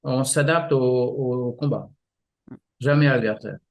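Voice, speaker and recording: A man explaining martial arts practice in a relaxed interview, often restarting his sentences and using images. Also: medium pitch, a little slow. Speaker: martial arts teacher, guest.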